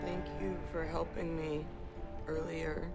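A woman's voice: low-pitched, flat delivery, takes it slowly. A woman playing a fragile, despairing young woman in a video game, speaking in a trembling, self-loathing way. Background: game music.

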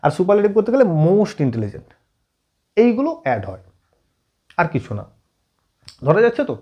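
A man's voice: high voice, huge pitch swings. Guy teaching english grammar on a whiteboard, keeps asking if students get it, voice jumps up and down a lot, kinda dull lo-fi sound. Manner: frequent check-in questions to students; writes on board while explaining, slowing down.

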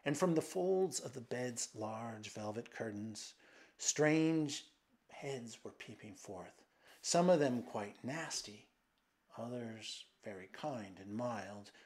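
A man reading a fairy tale aloud slowly and dramatically, sometimes dropping into a whisper. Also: mid-range voice, lively intonation. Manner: slow, hushed, dramatic, with whispered passages. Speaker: storyteller and translator. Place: old mill, indoors.

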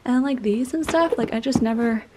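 A woman's voice: on the high side, normal speed, background noise. A young woman vlogger talking casually to the camera, full of "like" fillers. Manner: chatty, filler-heavy with frequent "like".

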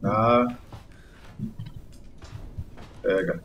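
A man's voice: on the low side, fairly even intonation, drawn-out words, lo-fi sound. A young man with a Chilean accent muttering casual, slangy, sweary commentary as he plays a game. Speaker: gamer. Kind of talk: casual let's play commentary. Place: indoor room at a computer. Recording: distant mic, faint game noise.

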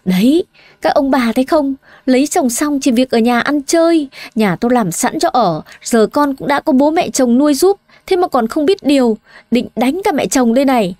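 A woman's voice: high voice, animated, moderate pace, darkish tone, no echo, voice pushed up. A woman voicing a spiteful, bullying older mother-in-law who scolds and wails theatrically. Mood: accusing.

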